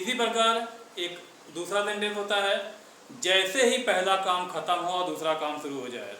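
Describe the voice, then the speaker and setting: A man teaching an English grammar lesson in a classroom, slowly repeating words one at a time. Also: fairly high pitch, bright, forceful tone, a little hiss or hum. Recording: echoey room from far off.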